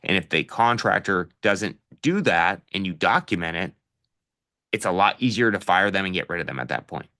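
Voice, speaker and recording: A man's voice: sits low, lively intonation, normal speed, sharp tone. A middle-aged man coaching a live online session on real estate, casual and direct, calling listeners "you guys" with plenty of fillers. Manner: direct practical advice with fillers.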